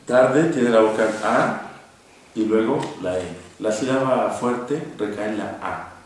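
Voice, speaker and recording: A man's voice: fairly low pitch, a little slow, recorded from a distance, slight background noise. A man teaching a poetry class, patiently explaining and spelling out vowel sounds. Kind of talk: classroom lecture. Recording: echoey room, recorded from afar.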